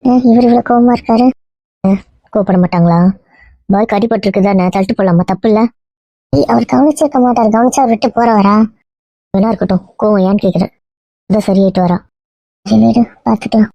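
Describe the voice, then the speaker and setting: A woman playing a young woman trying to calm a family quarrel, with a gravelly, placating voice. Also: medium pitch, fairly quick, pauses often, no echo, lo-fi sound.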